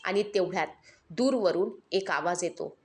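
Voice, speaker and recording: Woman narrating a dark horror tale. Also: fairly low pitch. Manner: dramatic, measured horror telling. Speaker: storyteller. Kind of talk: scripted narration.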